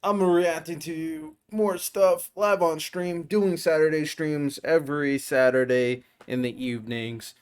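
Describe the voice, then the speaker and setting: A man's voice: a little high, steady tone, unhurried, hardly any pauses, clear, resonant tone. Man, streamer, casual reaction commentary, chatty, offhand. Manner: chatty, tags lines with "right?".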